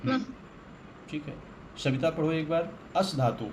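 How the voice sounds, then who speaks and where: A man's voice: on the high side, a little slow, noisy background. A man teaching a Sanskrit grammar lesson, patiently explaining with everyday examples.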